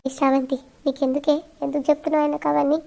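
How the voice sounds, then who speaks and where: A woman's voice: high-pitched, little pitch movement, racing, vocal fry, dark tone. Woman voicing tearful young girl, Telangana accent. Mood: bitter. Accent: Telangana Telugu. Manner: tearful, pleading.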